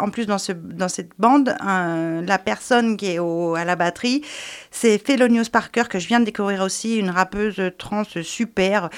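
Chatty, hesitant woman hosting a radio show. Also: medium pitch. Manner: chatty, hesitant, with many fillers and self-corrections. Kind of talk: casual live radio chat.

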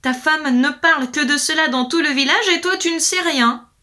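A woman voicing a harsh, domineering male lord in a storybook reading, with stern shouting. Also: high-pitched, normal speed, pitched above the performer's own voice. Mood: angry, harsh.

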